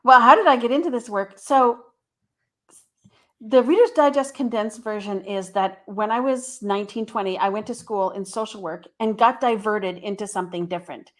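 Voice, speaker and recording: A woman's voice: mid-range voice, moderate pace, fairly bright tone. A middle-aged woman speaking as an interview guest and therapist, explaining things in a casual, conversational way. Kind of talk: casual interview, telling a career story.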